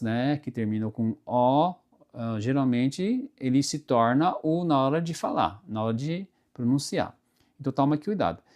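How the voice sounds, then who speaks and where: A Brazilian-accented man explains pronunciation in a relaxed, conversational lesson. His voice sits at an ordinary middle pitch. He repeats words slowly and keeps checking that his students follow along. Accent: Brazilian Portuguese. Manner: explains slowly with many tag questions and repeated examples. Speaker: Portuguese teacher. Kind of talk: casual spoken lesson.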